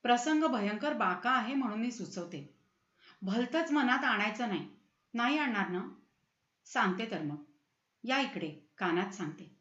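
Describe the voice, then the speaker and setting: A woman's voice: a little high, expressive, measured pace, pauses often, fairly bright tone, reverberant, muffled recording. A woman voicing a scheming young woman who pleads and coaxes her lover in a storybook reading. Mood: coaxing. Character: scheming young woman, sweet-talking and tearful.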